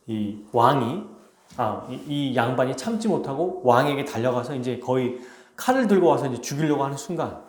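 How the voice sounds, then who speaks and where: A man pastor preaching a sermon, telling a story with animated delivery and acting out its characters. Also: medium pitch. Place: church. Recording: echoey church hall.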